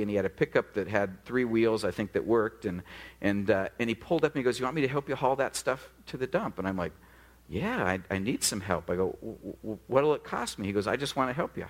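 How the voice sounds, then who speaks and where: A middle-aged man, a pastor, preaching a sermon with animated storytelling and acted-out dialogue. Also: on the low side.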